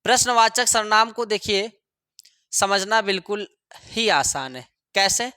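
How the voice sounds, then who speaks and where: A male teacher giving a grammar lesson, repeating each example sentence slowly for students to copy. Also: high voice, lively intonation, sharp tone, smooth, no echo, clean studio sound. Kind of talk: classroom lesson.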